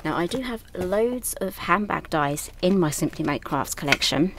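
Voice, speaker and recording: She speaks on the low side at a moderate pace, with lively intonation and some background noise. A southern English woman of Yorkshire birth, she's launching her new craft designs in a chatty, enthusiastic, meandering showcase.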